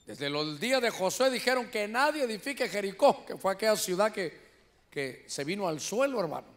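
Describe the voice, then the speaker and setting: A Honduran man preaching from the pulpit with a strikingly high voice. He talks in an animated, energetic way, keeps calling his listeners "brother," and raises his voice when he acts out people crying out. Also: brisk. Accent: Honduran Spanish. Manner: animated preaching, often addressing listeners as "hermano"; shouts when voicing quoted cries. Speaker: pastor. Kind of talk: sermon. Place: church sanctuary.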